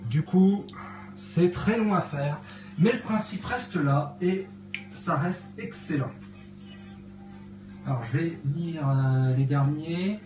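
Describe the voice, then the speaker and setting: A man's voice: a little high, takes it slowly, long pauses, over music. Chatty man live-streaming from home. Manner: hesitant, many fillers, chatting with viewers. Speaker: livestream host cooking. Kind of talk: casual live-stream chat to viewers. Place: cluttered home kitchen, indoors. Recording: echoey home room.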